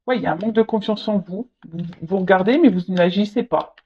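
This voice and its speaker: A tarot reader giving a casual reading, speaking haltingly, repeating words and adding frequent tag words. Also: medium pitch, breathy edge. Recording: dull lo-fi recording.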